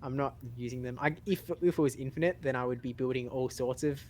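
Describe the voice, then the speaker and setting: Halting, casually rambling man. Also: medium pitch, darkish tone, a little hiss or hum. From lives in Australia. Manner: halting, repeats words as he thinks. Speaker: podcast panelist.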